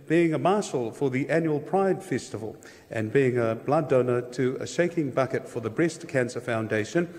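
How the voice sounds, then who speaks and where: A man's voice: mid-range voice, darkish tone. A man hosting an awards ceremony with an upbeat, jokey announcing style. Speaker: emcee. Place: large hall on stage. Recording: long hall reverb.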